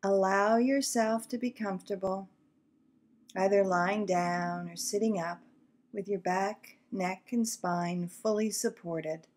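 A woman with a mid-range voice guides a visualization meditation. Her manner is soothing, gentle and deliberate, and she leaves long pauses.

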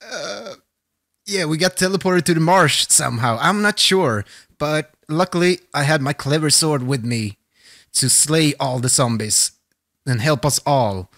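A man's voice: on the high side, a little slow, a bit bright, no room sound, clean studio sound. A man playing a tabletop game over voice chat. He stammers, giggles and sounds unsure of himself. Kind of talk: casual in-character game banter.

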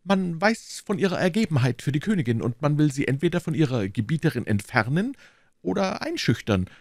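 Casting: a man doing a timid, fussy landlord, high and strained, eager to please, in a lively sing-song and a dry, close sound. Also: fairly quick, no echo. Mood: fretful. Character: anxious, fussy middle-aged male landlord. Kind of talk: audiobook reading.

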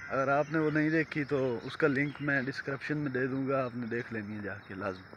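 A man's voice: mid-range voice, fairly even intonation, fairly quick. Young male vlogger, Punjabi-accented, teasing and chatty; phone at arm's length outside, with plain rural background noise. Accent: Pakistani Punjabi. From Pakistan. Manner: teasing, talks to camera while walking. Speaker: vlogger host. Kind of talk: casual vlog chat. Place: outdoors on a village path among fields. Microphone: phone camera at arm's length.

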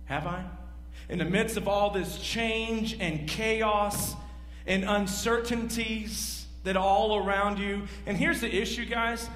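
A man in his forties preaches slowly in a high-pitched voice, asking his congregation questions. Pacing the large church stage, he gestures in an animated way. There's a faint hum, and the hall is echoey.

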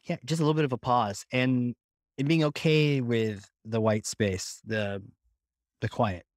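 A man hosts a podcast in a loose, joking way, with fillers. His voice sits at an ordinary pitch. The sound is dry and close. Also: unhurried, no room sound. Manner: casual, jokey, with fillers. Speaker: podcast host. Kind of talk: podcast interview.

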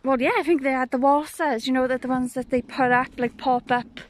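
A woman's voice: high-pitched, steady tone, a little fast, slight background noise. Chatty woman vlogging to her phone. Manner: chatty, rambling, self-correcting. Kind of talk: casual day-in-the-life vlog. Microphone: phone at arm's length.

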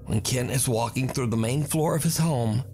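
A male narrator delivers scripted, documentary-style lines in a mid-range voice. Music plays clearly behind him. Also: mid-range voice, moderate pace.

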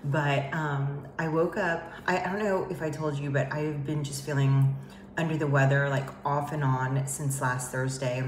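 This casual vlog comes from an emptied home office with an echoey empty-room sound and slight background noise. The woman's low-pitched voice is steady and unhurried, congested from a head cold, as she rambles chattily to camera with lots of fillers.

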